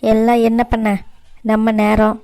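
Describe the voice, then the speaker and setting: In cartoon voice acting, a woman plays a weary, hardworking middle-aged mother who works as a housemaid, tired and resigned yet tender toward her daughter. Her fairly high voice is warm with vocal fry, delivered completely flat and a little slowly.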